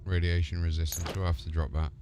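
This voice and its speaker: Over game music and background noise, a British streamer thinks aloud in an informal, chatty way while commenting on his gameplay. He talks quickly in a low, level voice.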